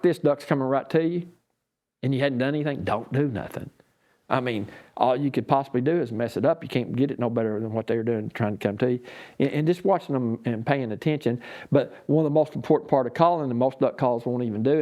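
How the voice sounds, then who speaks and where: A man's voice: medium pitch, a little mellow. Folksy Southern US man, rambling instructor. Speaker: duck calling instructor and champion. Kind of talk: informal hunting lesson, unscripted explaining.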